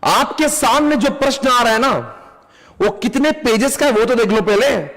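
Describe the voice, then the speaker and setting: A man giving an energetic exam-prep lecture, coaxing students to chant key terms with him, mixing English into his talk. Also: very high voice, normal speed, in a large hall. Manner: animated, coaxes students to chant along and shouts keywords; mixes English into Hindi, jokes with listeners.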